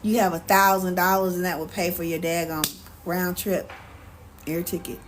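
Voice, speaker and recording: An animated, sassy American woman hosts a casual livestream, answering viewer questions in colloquial language and repeating her catchphrases. Her voice sits on the low side and moves at a moderate pace. The recording is clear, with some ambient background noise.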